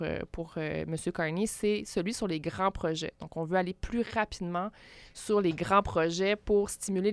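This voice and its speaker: A woman explaining politics in a measured radio discussion, with frequent hesitations. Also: medium pitch, smooth, dry recording. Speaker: political commentator.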